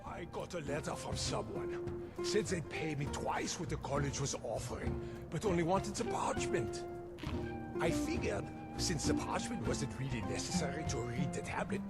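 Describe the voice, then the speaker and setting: An actor playing a sheepish, defensive man caught in a lie, speaking haltingly in a fantasy video game. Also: on the high side, lively intonation, close to an everyday voice. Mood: sheepish confession. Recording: loud game music behind the voice.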